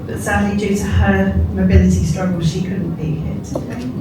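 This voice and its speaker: At an indoor wedding reception, a groom in his forties gives a heartfelt, sentimental toast and speech of thanks in a high voice at a moderate pace. The recording is distant, in an echoey, noisy room.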